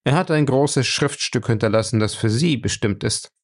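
A man's voice: medium pitch, expressive, normal speed. A man reading a storybook voicing a scheming caller with a clipped, official-sounding delivery. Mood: urgent. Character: man making a scheming phone call.

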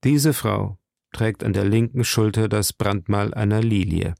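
A man's voice: fairly low pitch, measured pace, vocal fry, darkish tone, no echo, clean studio sound. A man doing a grave, solemn nobleman. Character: grave older nobleman, trembling with resolve.

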